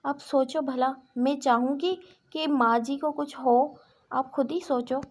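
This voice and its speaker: A woman's voice: sits high, fairly even intonation, measured pace, a little mellow. A woman voicing a young, dutiful, long-suffering daughter-in-law in a cartoon story, talking earnestly. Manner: earnest, pleading.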